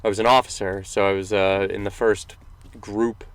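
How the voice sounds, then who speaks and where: A man's voice: on the low side, flat delivery, moderate pace, no echo. A young man co-hosting a podcast in casual, joking chat, swearing freely. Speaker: podcast co-host.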